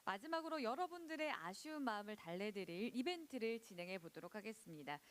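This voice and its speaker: A woman's voice: medium pitch, animated. A woman hosting a live event in a scripted, announcer-like style, presenting like a prize draw host. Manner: announcer-like, drawn-out suspenseful prize reveals. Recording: loud music under the voice. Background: loud music.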